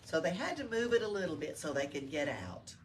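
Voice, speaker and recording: Her low voice is very animated and brisk as this woman, a library storyteller, reads a storybook aloud to children inside a library. A distant room mic records her, with faint noise in the background.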